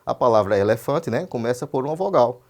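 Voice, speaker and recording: A man's voice: mid-range voice, lively intonation, darkish tone. Brazilian male teacher, drilling English. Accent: Brazilian Portuguese. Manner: switches between quick explanation and slow, deliberate English examples; checks understanding with frequent "certo?". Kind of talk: classroom lesson for broadcast.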